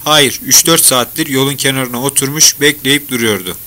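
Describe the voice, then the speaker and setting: A man voicing a gruff, impatient street policeman who barks and scolds. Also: mid-range voice, normal speed, bright, forceful tone, lightly acted. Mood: scolding. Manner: barking, scolding.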